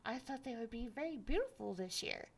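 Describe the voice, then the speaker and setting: Lady doing a cheeky little frost sprite boy, kinda high, slow and a bit gravelly. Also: expressive, full character voice. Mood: plaintive. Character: mischievous young boy sprite Jack Frost.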